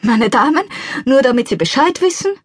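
A woman's voice: sits high, expressive, moderate pace, dry recording, clean studio sound, voice pushed up. A woman voicing a furious, scornful middle-aged society wife in an audiobook. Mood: haughty. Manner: shrieking, scornful. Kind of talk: audiobook character voice.

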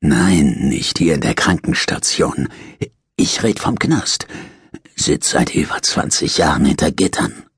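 A man putting on a dying old convict in an audiobook, his voice hoarse and rasping, husky and breathy. He drags his words out slowly, wheedling and cursing by turns, bitter and defiant to the end. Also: rumbling low, lively intonation, heavily acted. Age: older.

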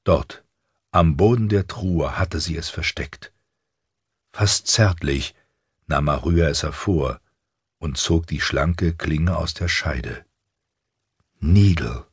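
A man narrating a fantasy audiobook in a measured, even storytelling manner. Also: a bass voice, slightly rough, dry recording, studio quality. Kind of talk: scripted narration. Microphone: studio microphone.

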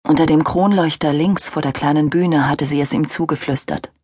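A woman narrating an audiobook thriller in measured, even storytelling. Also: sits low, husky, dry recording, studio quality. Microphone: studio microphone.

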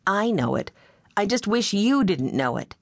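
A woman's voice: medium pitch, very animated, a little slow, no echo, studio quality, voice pushed up. A woman narrator voicing a spirited young woman who scolds and teases in a wry way.

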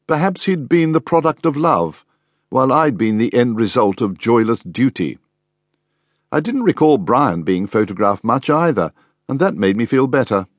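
A man narrating an audiobook in the first person with a wry, measured delivery. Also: mid-range voice, expressive, no echo.

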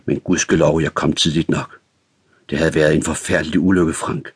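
A man voicing a brisk, firm young woman in an audiobook, speaking soothingly but decisively. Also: very deep voice, fairly even intonation, breathy edge, dry recording, full character voice. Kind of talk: audiobook reading.

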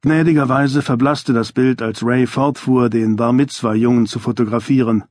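Measured male audiobook narrator, dry studio. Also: mid-range voice, steady tone, a little mellow, dry recording.

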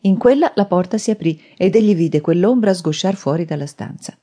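A woman reading a thriller audiobook with dramatic, steady storytelling. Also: lowish voice, a little fast. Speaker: audiobook narrator. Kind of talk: scripted narration.

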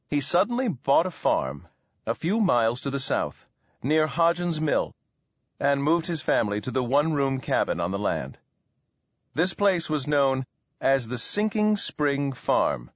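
A man narrating a children's biography audiobook in expressive storytelling. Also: medium pitch, no echo, muffled recording. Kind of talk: scripted narration.

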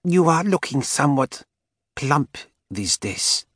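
A thin, cold old woman , put on by a male storyteller, drawls her barbs slowly with a dry, sibilant hiss. Her pitch lifts well above his plain voice and swings about as she mocks. The recording is close and dry. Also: big pitch swings, a bit bright, slightly rough, no room sound, exaggerated voice. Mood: mocking. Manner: slow, mocking, sweetly venomous. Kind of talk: audiobook character voice.

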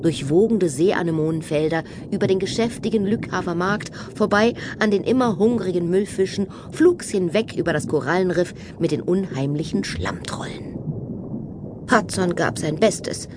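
A woman narrating a children's audiobook in a lively, expressive storytelling manner. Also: fairly low pitch, moderate pace, background noise.

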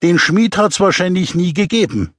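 A man's voice: high-pitched, lively intonation, normal speed, fairly bright tone, no room sound, studio quality. A man narrating an audiobook in a wry, chatty storytelling manner with asides.

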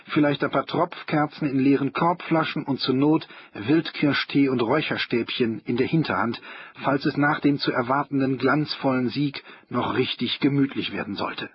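A man's voice: mid-range voice, slightly rough, muffled recording. A man narrating an audiobook in a dry, wry storytelling manner. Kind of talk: audiobook reading of a humorous novel.

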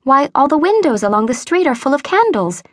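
A woman's voice: high-pitched, animated, brisk, no echo, clean studio sound, pitched above the performer's own voice. A woman narrator voicing an eager, deferential young maid in a storybook reading.

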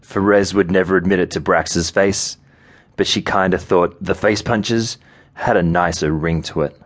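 A man narrating a novel in an audiobook, with measured, vivid storytelling. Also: low voice, steady tone. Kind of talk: scripted narration.

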